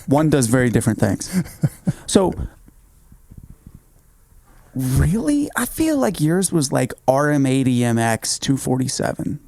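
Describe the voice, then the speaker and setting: A man's voice: mid-range voice, sing-song, takes it slowly, creaky, pauses often, darkish tone. A man in his thirties, co-hosting a podcast in casual chat, laid-back and laughing often. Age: 30s. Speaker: podcast co-host.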